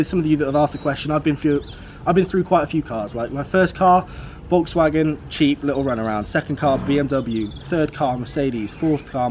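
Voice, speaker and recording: A man's voice: fairly high pitch, darkish tone, a little hiss or hum. A British man in his twenties gives an upbeat, casual motivational vlog outdoors, repeating his key numbers. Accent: British English. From United Kingdom. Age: 20s. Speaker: vlogger. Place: outdoors beside a car.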